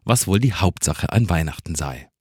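A man giving a calm, reflective Christmas sermon. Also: low-pitched, moderate pace, slightly rough, no echo, studio quality. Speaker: preacher.

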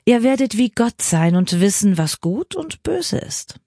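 A woman reading the lines of a sly, tempting serpent in a soft, coaxing way. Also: mid-range voice, very animated, measured pace, dry recording, clean studio sound.

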